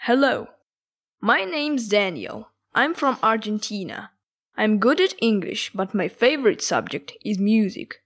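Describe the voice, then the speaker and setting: A woman playing a slow-spoken teenage schoolboy. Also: medium pitch, very animated, fairly bright tone, exaggerated voice. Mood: cheerful. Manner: slow, careful, clear delivery. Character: teenage schoolboy from Argentina, keen on music. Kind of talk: scripted textbook dialogue.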